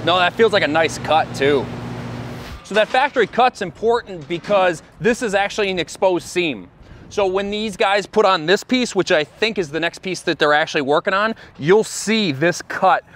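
A man's voice: high voice, moderate pace, fairly bright tone, a little hiss or hum. A young man casually showing off a construction job site in a big empty warehouse, explaining work plans in a loose, sometimes profane way. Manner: casual and profane, explains while walking around. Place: large empty warehouse building under construction.

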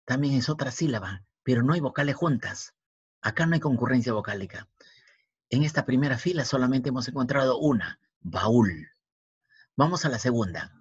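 Husky man teaching vowels slowly. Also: mid-range voice, dry recording. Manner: slow, spells letters one by one, repeats words. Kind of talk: classroom language lesson. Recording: dull, dry, lo-fi recording.

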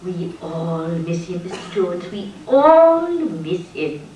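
A woman voicing a fussy, prim middle-aged lady antiquarian in an animated film, asking insistent questions. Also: fairly low pitch, slow. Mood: soothing. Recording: echoey, distant hall playback with hiss.

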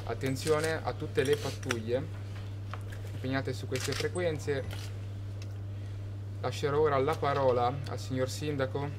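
A man's voice: medium pitch, steady tone, unhurried, long pauses. Man on a police radio channel. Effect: police radio transmission. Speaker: radio dispatcher. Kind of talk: formal radio announcement. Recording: distant radio channel with static hiss.

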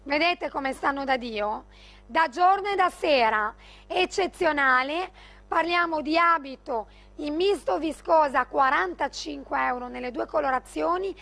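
High-pitched woman giving an infomercial pitch. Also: measured pace, gravelly, fairly bright tone. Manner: emphatic, gushing, urging viewers to buy. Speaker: TV shopping host. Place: TV shopping studio.

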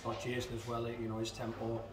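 Speaking in front of a club sponsor board after the match, this thirty-something assistant manager talks briskly at medium pitch, keeping an even tone yet stumbling with fillers and restarted sentences. His voice echoes in a large room, picked up from afar, with a crowd audible behind him.

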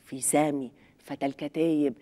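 A middle-aged Lebanese woman hosts a satirical TV show from a studio, performing a scripted comedy monologue: a sarcastic rant that builds with mock outrage. Her low, dark voice is brisk with fairly even intonation.

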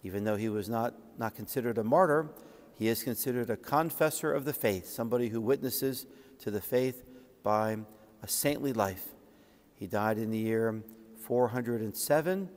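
Speaking from the front of a big church, a middle-aged priest-like figure preaches a homily, standing at the ambo. Long reverb surrounds his typical male voice as he uses measured phrases to tell of a saint's life and read from ancient writings.

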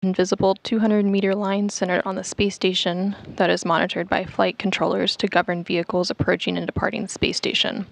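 A woman's voice: mid-range voice, flat delivery, a little fast, creaky, hardly any pauses, no room sound. A woman giving scripted, technical commentary on a spacecraft's departure.

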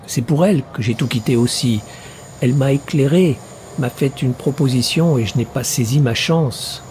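A desperate, ruined middle-aged man, voiced by a male narrator in an audiobook. He presses his old friend with urgent, remorseful insistence. The voice is mellow and warm. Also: mid-range voice, normal speed, a little hiss or hum, lightly acted.

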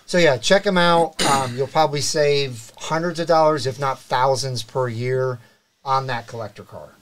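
A middle-aged man hosts a live car podcast from a studio set with desk mics, speaking into a boom-arm desk mic. His mid-range voice runs at normal speed as he greets viewers and reads sponsor plugs upbeat.

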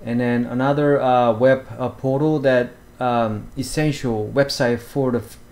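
A man narrates a screen-recorded walkthrough of fishing apps at an unhurried, slow pace. His pitch sits mid-range for a man, and he stops often, filling gaps with "uh" and "um" and restarting his sentences. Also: fairly even intonation, darkish tone. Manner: halting, many fillers and restarts. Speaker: fishing vlogger. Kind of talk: screen-share app walkthrough. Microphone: voice-over to screen recording.

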